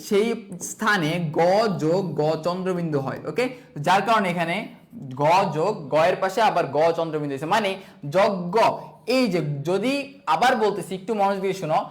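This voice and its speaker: High-voiced young tutor. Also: male voice, a little fast. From Bangladesh. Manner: asks and answers his own questions, repeating rules; sprinkles English fillers like "okay" and "so". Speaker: exam prep tutor. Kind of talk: online exam-prep class.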